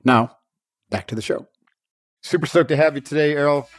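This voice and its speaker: A man's voice: on the high side, moderate pace, no room sound, faint music behind. Enthusiastic man hosting a dry-sounding chat. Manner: enthusiastic, chatty, loose with fillers. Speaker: podcast host. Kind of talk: casual interview chat.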